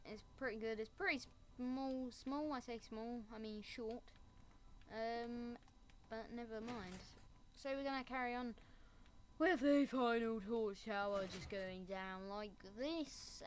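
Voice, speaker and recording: A slightly high female voice comes through with slight background noise. It's casual gameplay commentary: she walks through building in Minecraft, rambling and making jokes at her own expense.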